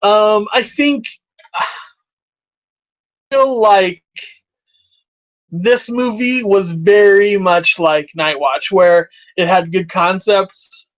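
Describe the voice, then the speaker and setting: A man's voice: sits high, very slow, pauses often. A man hosting a casual movie review chat, rambling and hesitant, laughing often. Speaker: podcast host. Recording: dull lo-fi recording.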